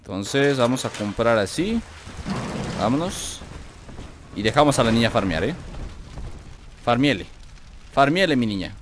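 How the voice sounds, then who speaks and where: A man with a Mexican accent gives let's play commentary, joking and chatting to himself and his viewers. His pitch swings widely, and steady noise sits under the recording. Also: a little slow, pauses often. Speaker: gaming video host.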